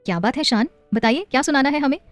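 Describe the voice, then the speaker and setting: A woman's voice: high-pitched, lively intonation, quick pace, no room sound, soft background music, pitched above the performer's own voice. Woman doing a teasing young wife. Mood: tender. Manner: teasing, affectionate scolding. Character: young wife and mother, firm but loving.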